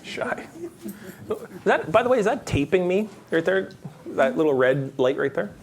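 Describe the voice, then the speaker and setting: A man's voice: high voice, normal speed, a little hiss or hum. Man telling stories to a crowd. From Canada. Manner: conversational, asks the audience, animated when telling stories. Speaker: guest speaker. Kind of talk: public talk with storytelling. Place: conference hall.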